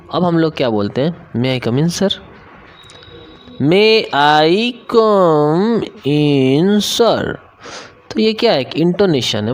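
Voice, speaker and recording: Hindi-speaking male teacher, Bihari accent. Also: a little high. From India. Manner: reads English lines slowly, then explains in Hindi, often checks with "ठीक है". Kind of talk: online exam-prep lecture. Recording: faint background noise.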